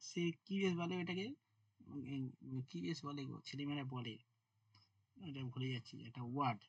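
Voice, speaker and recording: A man teaching a current affairs exam-prep class, dictating quiz questions slowly and spelling words out letter by letter, with chatty asides to his students. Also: mid-range voice, husky, no room sound.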